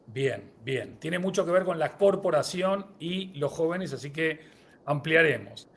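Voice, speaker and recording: A man's voice: on the high side, animated, a little slow, gravelly. A man co-hosting a live-streamed podcast, greeting viewers and running a word-association game. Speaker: podcast co-host.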